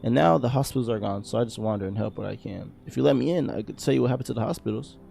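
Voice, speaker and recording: A man's voice: mid-range voice, rapid-fire, vocal fry, warm tone, soft background music. Man doing a creepily polite wandering surgeon.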